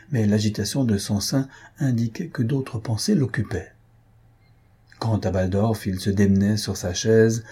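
A man reads a classic novel aloud at a measured, literary pace. His voice is low and mellow, with a strongly husky, breathy grain. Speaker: audiobook narrator. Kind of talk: scripted narration.

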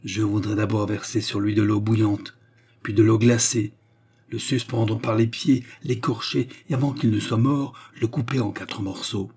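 A man voicing an old Russian priest in an audiobook, speaking slowly and then making vengeful threats. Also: on the low side, fairly even intonation, a little mellow, slightly rough.

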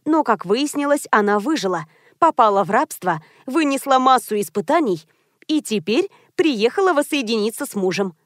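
A bossy, scheming publicist who pushes her plan with brisk confidence, as a woman narrator puts her on. The voice sits fairly high, and the audiobook recording is dry and close. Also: expressive, dry recording, close to an everyday voice.

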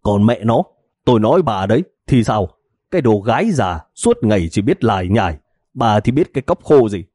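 A tipsy, stubborn middle-aged village husband, played by a male narrator, grumbling gruffly in a dark, mellow voice. The reading is close and dry. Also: lowish voice, big pitch swings, moderate pace, dry recording.

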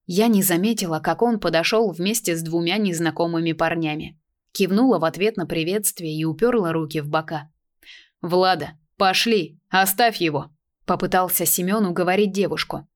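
Expressive woman reading an audiobook, lowish voice. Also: brisk. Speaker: narrator. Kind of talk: audiobook narration.

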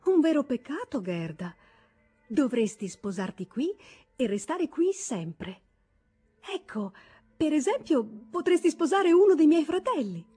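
A woman's voice: mid-range voice, big pitch swings, takes it slowly, dark tone, slightly rough, faint music behind, heavily acted. A woman voicing an eager, earnest young girl of a merchant family in an audiobook reading. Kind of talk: audiobook character voice.

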